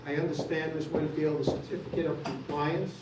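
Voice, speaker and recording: A man presiding as judge in a courtroom, speaking in a brisk, firm, procedural manner. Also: a little high, steady tone. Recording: echoey courtroom from far off, noisy.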